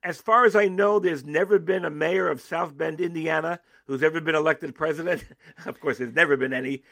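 A man giving political analysis as an interview guest, animated and emphatic, often restarting his sentences. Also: on the high side, brisk, vocal fry.

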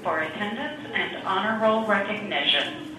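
A woman's voice comes through a school intercom loudspeaker, distant and heavily echoing. She reads a formal announcement in a measured, official tone. A chattering crowd of students fills the space around the speaker. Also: mid-range voice, expressive. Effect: heard over a school intercom loudspeaker. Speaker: school staff making announcements. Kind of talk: formal public-address announcement.

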